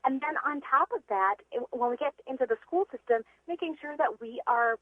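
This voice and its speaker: A woman's voice: sits high, a little fast, no room sound. A woman reading tutor calling in to an interview, talking eagerly with frequent fillers. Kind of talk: phone-in interview. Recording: tinny phone line.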